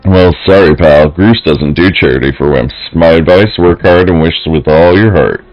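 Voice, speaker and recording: A man's voice: low-pitched, moderate pace, highs cut off, faint music behind, close to an everyday voice. A man voicing a swaggering young male bully who taunts a classmate in a video game. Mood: taunting.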